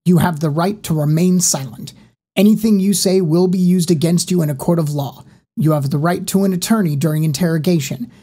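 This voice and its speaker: A woman's voice: extremely low pitch, fairly even intonation, slow, pauses often, breathy edge, full character voice. A woman reading an audiobook, voicing a serious male police constable with stiff, formal delivery. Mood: stern.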